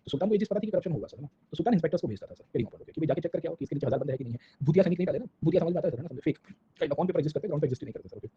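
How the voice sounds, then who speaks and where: A warm-toned, fairly high-pitched man with an Indian accent lectures on history informally, fast and with lively intonation. He moves between Hindi and English, constantly throwing in check-in questions and tag words, and the dull lo-fi recording carries a bit of hiss or hum.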